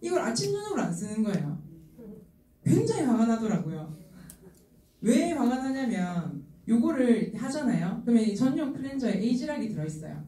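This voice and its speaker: A middle-aged woman giving a lively sales talk to an audience, acting out the people she quotes and laughing often. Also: on the high side, recorded from a distance. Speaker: skincare sales speaker. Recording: roomy hall, voice from afar, faint ambience.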